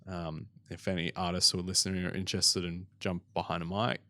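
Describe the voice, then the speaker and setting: A man co-hosting a casual podcast, rambling along in a relaxed way with plenty of fillers. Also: sits low, brisk, no room sound. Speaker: podcast co-host. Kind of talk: casual chat.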